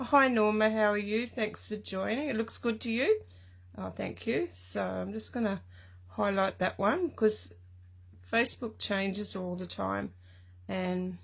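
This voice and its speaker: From her craft room, a croaky-voiced, middle-aged Tasmanian Australian woman runs a live craft stream at medium pitch. Her chat is casual and rambling, full of ums.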